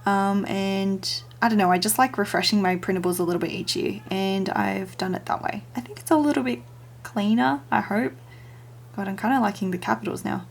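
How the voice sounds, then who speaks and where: Quiet, gravelly-voiced woman vlogger. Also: medium pitch, brisk. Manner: talking quietly, half-whispering. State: groggy early-morning voice. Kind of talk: casual chat while working. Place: small studio workspace.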